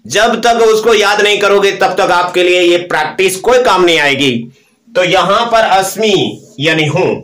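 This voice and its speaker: A man's voice: sits high, moderate pace, a bit bright, echoey room. A man teaching an online grammar lesson, reciting verb forms aloud and asking and answering his own questions.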